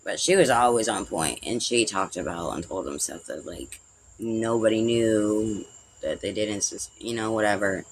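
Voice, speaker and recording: A man's voice: lowish voice, normal speed, a little hiss or hum, poor audio. A man hosting a livestream, telling a personal story in a rambling, profane way full of "like" and "you know". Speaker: livestream host.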